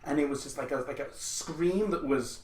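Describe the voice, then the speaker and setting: A man's voice: on the high side, moderate pace, darkish tone. Distant rambling game master, a man. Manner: rambling, full of "like" fillers and restarts. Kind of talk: narrating a tabletop game. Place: indoors at a gaming table. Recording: echoey room, far from mic, light hiss.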